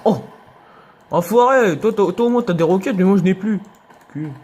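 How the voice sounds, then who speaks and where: A young man giving excitable let's play commentary, yelping and laughing at enemies. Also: high voice, normal speed, husky. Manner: excitable, shouts and yelps at enemies, laughs often. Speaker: gaming youtuber.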